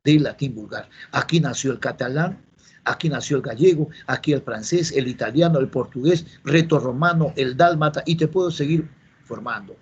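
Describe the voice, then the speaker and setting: A man's voice: medium pitch, normal speed, husky. A man teaching a class, repeating key words and answering his own questions. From Peru. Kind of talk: classroom lecture. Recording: dull lo-fi classroom recording with faint noise.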